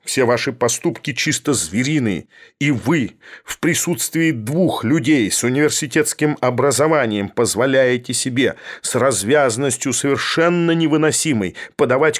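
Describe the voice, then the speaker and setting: An imperious older professor, as a male reader puts him on, haughty and ironic, his voice raised and cutting in a storybook reading. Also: mid-range voice. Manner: haughty and thundering. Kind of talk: audiobook reading.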